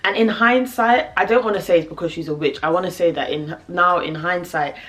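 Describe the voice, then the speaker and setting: A young British woman telling a personal story to camera, animated and laughing, with lots of fillers. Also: lowish voice, fairly quick. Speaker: vlogger.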